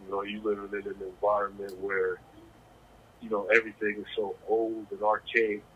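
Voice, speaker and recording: Over a crackly prison phone, a man with a fairly low voice tells anecdotes as an interviewee at a moderate pace. His delivery is completely flat, and he sounds casual, reflective, and plain-spoken on the correctional facility handset.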